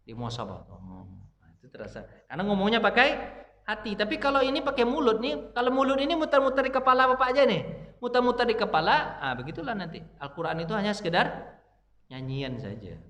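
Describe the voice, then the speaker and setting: In an echoey mosque hall, a man gives a casual sermon to a dawn congregation, posing questions to them and answering them himself. His voice is high, very animated, bright and pushed, and he talks a little fast.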